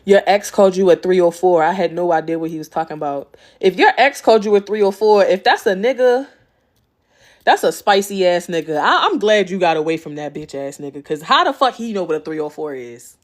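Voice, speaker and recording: A woman from Baltimore's West Side, with a Baltimore accent, hosts a casual ask-me-anything vlog, answering viewer questions in a blunt, profane, streetwise style. She laughs easily, chats freely, and keeps looping back with "okay?" and "you know what I'm saying." Her voice is fairly low, a little fast, with lively intonation.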